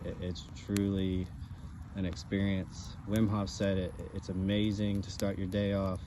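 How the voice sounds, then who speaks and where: A man in a casual, halting conversational chat, speaking as a co-host. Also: low-pitched, level tone. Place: outdoors by a campfire. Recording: outdoor ambient background noise.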